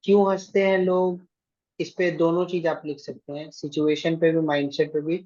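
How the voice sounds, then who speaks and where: A man's voice: a little high, flat delivery, moderate pace, warm tone, lo-fi sound. Man teaching an online exam class. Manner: directive, keeps checking with "thik hai".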